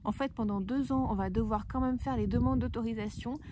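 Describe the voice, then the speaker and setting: A woman vlogger and parent explaining things chattily to her viewers, in a low-quality recording from a nearly empty, echoing house. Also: a little fast. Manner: chatty, addresses viewers directly. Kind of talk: explanatory vlog talk to viewers. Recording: noisy, echoey low-quality home recording.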